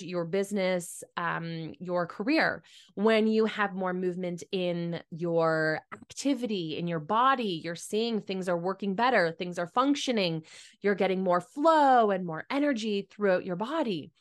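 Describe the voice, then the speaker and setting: Chatty motivational woman, lots of fillers. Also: lowish voice. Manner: chatty, filler-heavy, animated with put-on voices. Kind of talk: casual motivational talk to camera.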